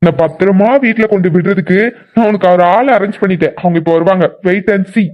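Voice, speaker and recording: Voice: mid-range voice, fairly quick, highs cut off, lightly acted. A performer voicing a bold, joking young man in an audio drama, with a teasing, cocky manner. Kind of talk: amateur audio drama acting.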